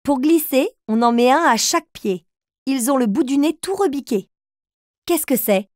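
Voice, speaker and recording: Her high, animated voice is a little mellow and moves at a normal pace, captured dry. She narrates a children's cartoon in gentle scripted fashion, addressing toddlers directly, reading riddles patiently and encouraging them to guess.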